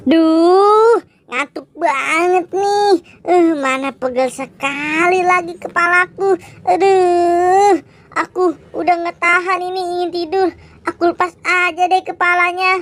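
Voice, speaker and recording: Whiny headless Squid Game guard, voiced by a woman, very high and slow for a kids' skit. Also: a bit bright, exaggerated voice. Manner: whiny, sighing. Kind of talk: children's costume skit voicing.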